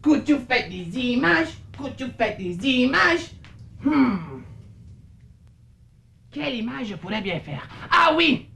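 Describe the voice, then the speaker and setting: A woman's voice: high-pitched, big pitch swings, slow, vocal fry, pauses often, pushed and bright, slight background noise, heavily acted. A woman voicing a curious, childlike little male puppet character who stammers when surprised, in a children's puppet show. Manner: playful, stammering, wonder-struck.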